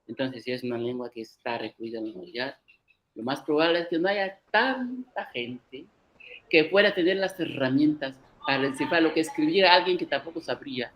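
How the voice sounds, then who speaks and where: An Equatorial Guinean man, whose first language is an African one, lectures off the cuff at a cultural conference, addressing the crowd directly and making emphatic arguments. The low-quality recording captures his slightly high, fairly bright tone.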